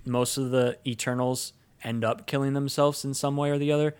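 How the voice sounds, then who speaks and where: A man's voice: mid-range voice, flat delivery, fairly quick, a little mellow, clean tone. A man co-hosting a casual movie review podcast, rambling through a plot recap with frequent ums and uhs. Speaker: podcast co-host.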